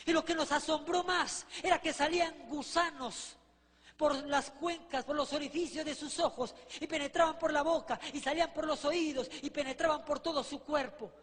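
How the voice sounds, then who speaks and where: A man with a strikingly high voice delivers a fervent religious testimony. He preaches emphatically, pausing for rhetorical questions and citing scripture. His voice rings out in a big hall with a long echo. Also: steady tone, a bit bright.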